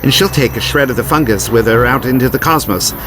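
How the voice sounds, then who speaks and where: An actor playing a brilliant, compassionate alien time traveller in an audio drama, articulate and earnest in a theatrical way. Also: male voice, mid-range voice, fast, noisy background, lightly acted. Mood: excited, urgent. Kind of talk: full-cast audio drama acting.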